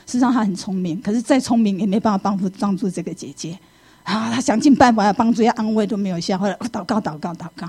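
A middle-aged woman, giving a lively personal faith testimony and acting out her own past thoughts. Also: mid-range voice, fast, slightly rough. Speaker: church member giving testimony.

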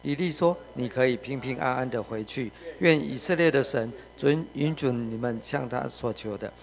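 A man from the congregation reading a scripture passage aloud in a steady, even way. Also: mid-range voice, moderate pace, vocal fry. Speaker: congregation member.

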